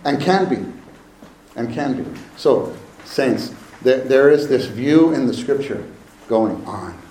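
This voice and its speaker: A man preaching a sermon at a pulpit microphone, slow and emphatic, often repeating his phrases. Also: medium pitch, lively intonation, mellow. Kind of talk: sermon to a congregation. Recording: echoey hall with faint room noise.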